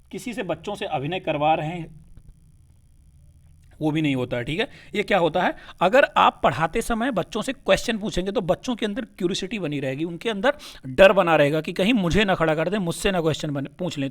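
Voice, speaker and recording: A man teaching an exam-prep lesson. He asks questions and answers them himself, and repeats key words with "kya?". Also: on the high side.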